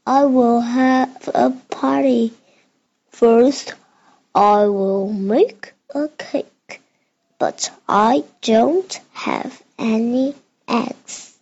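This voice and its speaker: A friendly birthday bear from a picture storybook, read out by a child. The voice is high and the delivery is slow and careful. The recording is a little dull. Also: female voice, darkish tone, exaggerated voice. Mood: cheerful, slow.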